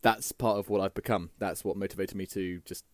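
A quick-talking man with a Southern English accent, chatting as a guest on a podcast. He jokes and laughs easily and moves fast from one thought to the next. His voice is recorded close and dry, with no room sound around it. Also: sits low, fairly even intonation, dry recording. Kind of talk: casual chat.

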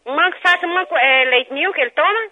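A woman's voice: high voice, fast talker. A woman answering a phone call, suspicious, blunt and scolding. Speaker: prank call target. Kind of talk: phone conversation.

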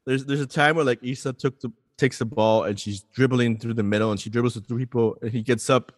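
A man co-hosting a casual podcast, an animated storyteller who rambles and restarts his sentences. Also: mid-range voice, fairly quick, no room sound, studio quality, long reverb tail. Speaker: podcast co-host.

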